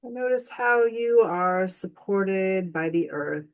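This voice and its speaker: A woman with a medium-pitched, animated voice guides a meditation in a gentle, soothing manner. She doesn't rush, and she leaves long pauses between phrases.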